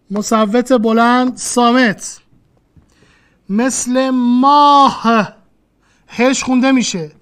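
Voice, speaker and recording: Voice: mid-range voice, clear, resonant tone. A teacher giving a lesson, explaining patiently step by step and speaking straight to the student. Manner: explanatory, repeats and addresses the student directly. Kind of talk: classroom lesson.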